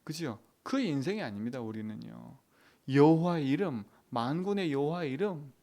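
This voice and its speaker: A man preaching a dawn prayer sermon as pastor, asking the congregation questions, swinging from loud emphatic lines to quiet asides. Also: mid-range voice, sing-song, brisk, gravelly.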